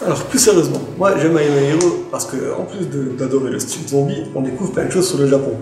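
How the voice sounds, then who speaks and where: A man's voice: a little high, fast, darkish tone. A man giving a casual, joking book review to camera as a library's manga specialist, often restarting his sentences. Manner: chatty and joking, with frequent restarts. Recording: echoey room with faint music.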